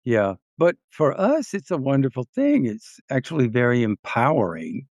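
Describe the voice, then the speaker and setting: A man's voice: mid-range voice, big pitch swings, normal speed, darkish tone, dry recording, highs cut off. Easygoing male podcast guest. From Austin area. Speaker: independent living skills teacher, guest. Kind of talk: casual chat.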